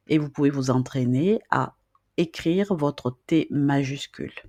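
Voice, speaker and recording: A woman's voice: low voice, mellow, no echo. A woman teaching beginners to read and write, speaking patiently, repeating each question and checking in with the listener. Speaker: reading and writing teacher. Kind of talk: slow, patient lesson.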